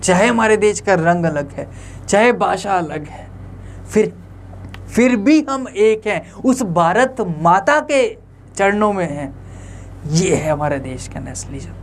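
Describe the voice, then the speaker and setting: A man's voice: high voice, animated, slow pace, a little hiss or hum. A young man teaching an online lecture in a conversational way, often asking the viewers rhetorical questions.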